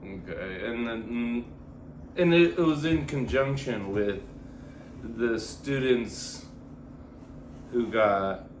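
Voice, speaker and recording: A young man co-hosting a podcast, chatting casually and prompting with halting questions. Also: medium pitch, animated. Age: young adult. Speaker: podcast co-host. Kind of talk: casual interviewing chat. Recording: echoey room, faint noise.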